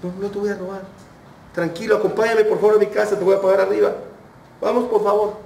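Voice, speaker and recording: A man voicing a kind, bearded, devout man who speaks calmly and politely. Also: high-pitched, fast, gravelly, a little hiss or hum, voice pushed up. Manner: calm, polite, reassuring. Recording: roomy, distant mic.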